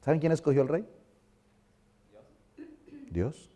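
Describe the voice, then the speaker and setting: A man's voice: a little high, big pitch swings, slow pace, dark tone, lo-fi sound. A middle-aged male pastor giving a conversational sermon in a church, asking the congregation questions.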